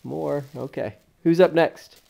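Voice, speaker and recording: Fairly high in pitch yet dark in tone, this father speaks slowly and steadily with some vocal fry. He's watching his child's puppet show, chatting casually with the children, encouraging them playfully and prompting them with questions. The recording has amateur home video sound.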